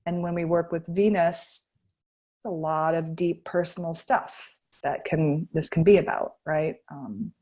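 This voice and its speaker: A woman's voice: lowish voice, steady tone, a little slow, darkish tone. Rambling, laughing woman astrologer. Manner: rambling, searching for words, laughs often. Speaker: astrologer guest. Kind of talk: casual podcast chat.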